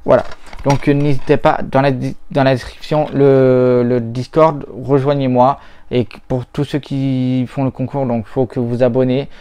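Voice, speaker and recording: A man talking casually about old console games as he tests them, rambling and hesitant, often pausing on little filler words. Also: mid-range voice, flat delivery, dark tone, clean tone. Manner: rambling, hesitant, full of "voilà" and "hop". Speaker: retro gaming YouTuber. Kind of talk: casual chat while testing games.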